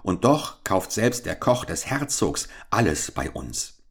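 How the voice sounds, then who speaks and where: A man's voice: low-pitched, very animated, slow pace, husky, exaggerated voice. A man reading a fairy-tale audiobook, voicing a bold little boy who scolds an old woman indignantly.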